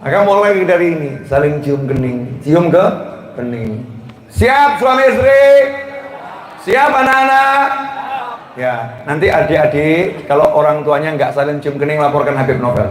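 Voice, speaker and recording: A man preaching a lively sermon to a live audience, joking and often rising into laughing shouts. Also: fairly high pitch. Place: gathering hall with an audience. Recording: roomy hall echo, faint background noise.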